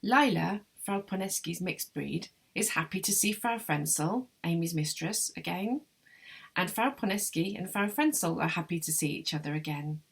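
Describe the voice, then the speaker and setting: A woman translator reading her translated novel aloud, with measured, wry first-person narration. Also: fairly low pitch, expressive, creaky, breathy edge. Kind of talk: literary reading of a novel excerpt.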